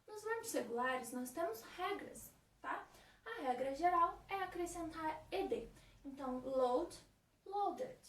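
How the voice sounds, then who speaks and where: High-voiced teacher woman, echoey room. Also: expressive, slow. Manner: patient, explains rules step by step with checking questions. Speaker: English teacher. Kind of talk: recorded remote lesson for high-school students. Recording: echoey room, far from the mic.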